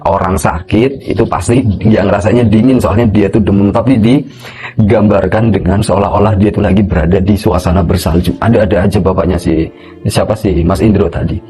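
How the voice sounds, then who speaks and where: A man's voice: on the low side, fairly even intonation, moderate pace, warm tone, faint music behind. A man telling a horror story in a chatty, rambling way, full of fillers. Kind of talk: casual spoken horror storytelling.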